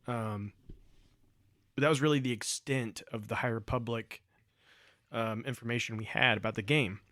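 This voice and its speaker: A man co-hosting a podcast in casual chat, explaining background details at a steady pace with some fillers. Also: mid-range voice, normal speed, no echo. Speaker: podcast co-host.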